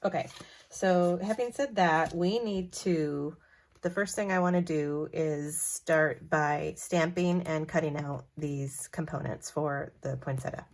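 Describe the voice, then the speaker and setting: A woman's voice: low-pitched, slow pace, a little mellow. A woman hosting a card-making tutorial, talking in a chatty, friendly way with fillers and self-corrections. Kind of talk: casual craft tutorial.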